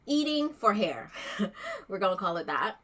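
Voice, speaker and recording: A woman's voice: mid-range voice, big pitch swings, measured pace, a bit bright. A woman in her thirties hosting a casual livestream chat about hair, playful and chatty, laughing often. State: out of breath from running up stairs.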